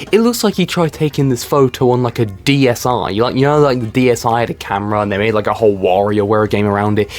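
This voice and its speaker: A man's voice: medium pitch, a little mellow. A young man from Britain giving casual, sarcastic commentary as he reads comments aloud and mocks what he finds. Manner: sarcastic, mocking, swears freely. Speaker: YouTube commentary creator.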